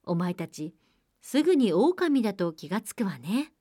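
A woman voicing a caring mother goat in a storybook, giving her young ones a gentle warning. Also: mid-range voice, big pitch swings, measured pace, dry recording, studio quality.

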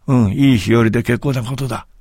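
A man's voice: mid-range voice, fairly even intonation, quick pace, darkish tone, no echo, clean studio sound, natural voice. A man voicing a proud, commanding village master and martial artist who talks in an old-fashioned way.

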